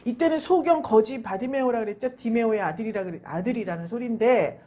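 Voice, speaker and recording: A woman pastor giving a Sunday sermon, telling the story with animated, questioning delivery. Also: a little high, a little fast, slightly rough, muffled recording. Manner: animated storytelling preaching, asks rhetorical questions.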